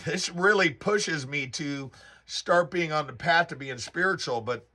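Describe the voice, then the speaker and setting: Slow-talking man with a bright voice. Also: on the high side. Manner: halting, rambling with restarts and fillers. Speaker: storyteller. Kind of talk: personal spiritual story.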